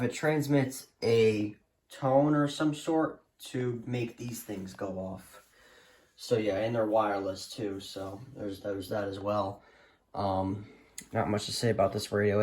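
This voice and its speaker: This man's voice sits on the low side with a slightly dark tone. As a hobbyist presenting his radio collection, he gives an offhand, unrehearsed show-and-tell, hesitating a lot and frequently trailing off mid-thought.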